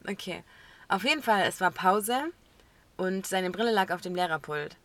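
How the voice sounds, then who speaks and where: A woman with a bright, forceful voice co-hosting a casual podcast. She tells stories animatedly, often breaking into laughter and acting out quotes. Her pitch sits in the middle range for a woman. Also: expressive, normal speed. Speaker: podcast co-host. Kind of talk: casual chat, storytelling.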